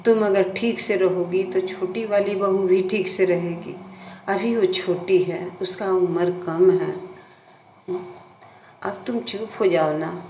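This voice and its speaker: A woman's voice: lowish voice, slow pace, darkish tone. A woman voicing a weary old widowed mother-in-law who patiently pleads with her quarrelling daughters-in-law, in a roomy echoing recording. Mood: pleading. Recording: roomy echo, faint background noise.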